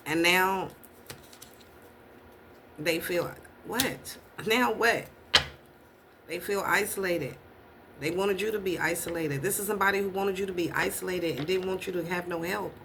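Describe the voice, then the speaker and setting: A woman's voice: fairly low pitch, vocal fry, pushed and bright. Woman, tarot reader, blunt, swearing, repeated questions, noisy recording. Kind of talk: casual tarot reading.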